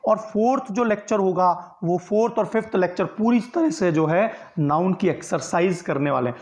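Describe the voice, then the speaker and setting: A man's voice: sits high, expressive, normal speed. A man teaching a grammar lesson for exam preparation, explaining step by step and often answering his own questions. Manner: tag questions that seek agreement from listeners. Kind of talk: online exam-prep lecture.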